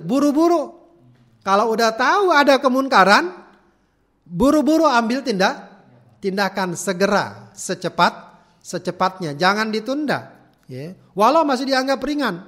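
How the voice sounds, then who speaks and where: A man with a fairly high voice leads a religious study class. He explains patiently, going back over key words and tagging his sentences with a questioning "ya." Now and then he cuts off a word and starts it again. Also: a bit bright. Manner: explanatory, repeats key words, frequent "ya" tags; restarts clipped words. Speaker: Islamic teacher.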